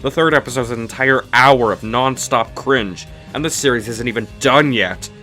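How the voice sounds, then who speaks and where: The host of a video review series narrates a scripted comedy piece in a mid-range voice at normal speed, with soft music playing behind him. He sounds pushed and bright, snarky and dismissive, playing up his exasperation.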